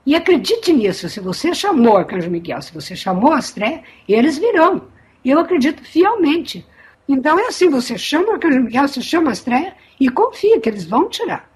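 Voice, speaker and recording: A woman, co-hosting a spiritual study program, speaking in an animated, emphatic way. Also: sits high, fairly quick. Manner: animated, emphatic, warmly insistent. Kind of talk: spiritual teaching talk.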